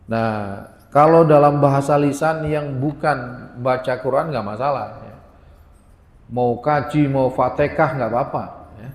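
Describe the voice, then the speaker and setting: A man, teaching a religious lesson on Quran recitation and chanting Arabic verses, often tagging his sentences with "ya". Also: mid-range voice. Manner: chants Arabic verses, then explains with frequent "ya". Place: prayer room. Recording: echoey prayer hall.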